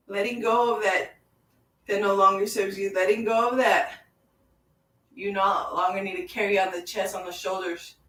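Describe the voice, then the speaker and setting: A woman leading a chair yoga class, guiding breath and movement with slow, soothing, repeated cues. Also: mid-range voice, a bit bright. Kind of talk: guided yoga class with visualization. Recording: echoey room, voice from far off.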